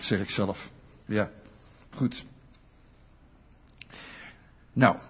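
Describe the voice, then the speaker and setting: A man preaching a sermon, animated and often putting questions to his listeners. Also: mid-range voice, breathy edge. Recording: dull lo-fi sound.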